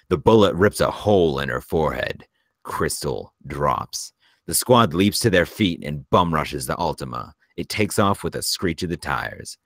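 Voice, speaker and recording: A man with an extremely low yet fairly bright voice reads a screenplay's action lines as the narrator of stage directions, in a measured, scripted way. The recording is dry, with no room sound.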